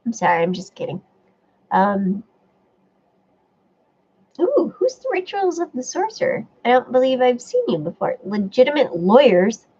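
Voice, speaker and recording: Reading her chat aloud and answering viewers, a livestream host with a stuffy nose speaks in a fairly high voice with a breathy edge. The casual stream's audio sounds dull and lo-fi.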